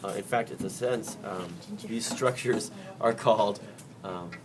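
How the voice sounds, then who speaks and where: Unhurried and lowish in pitch, a male biology teacher talks his students through a dissection, joking, chatting and quizzing them. The sound comes from a distant microphone in a noisy classroom.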